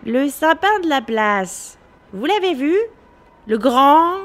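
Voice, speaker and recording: A woman's voice: high voice, very animated, slow pace, a bit bright, pitched above the performer's own voice, full character voice. A woman voicing a fussy, dramatic old female arctic wolf who exaggerates everything and speaks with indignant exclamations.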